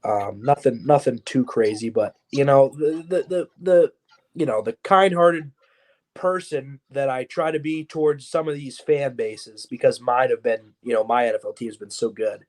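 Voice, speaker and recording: A man on a sports podcast speaks at a middling pitch in a casual chat. He talks haltingly, restarting phrases and leaning on "you know" as he gathers his thoughts. The tone is sincere and conversational. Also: darkish tone. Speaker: podcast co-host.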